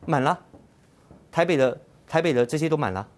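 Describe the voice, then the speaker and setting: A Taiwanese-accented man hosts a Mandarin political commentary show, speaking a little fast. He's sarcastic and combative, firing off mocking rhetorical questions while his pitch swings widely and lively from phrase to phrase.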